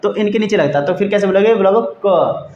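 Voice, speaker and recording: A man's voice: high voice, a little fast, a little mellow. A man teaching a Hindi grammar lesson, explaining step by step, often checking in with his viewers and calling them friends. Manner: addresses viewers as friends, repeats "theek hai" often. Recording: echoey room, dull lo-fi sound, faint noise.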